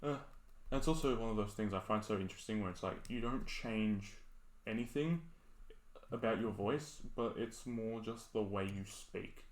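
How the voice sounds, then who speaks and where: A man's voice: on the low side, moderate pace. A man with an Australian accent, chatting casually as a podcast co-host and laughing often as he rambles. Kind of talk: casual chat. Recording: roomy echo.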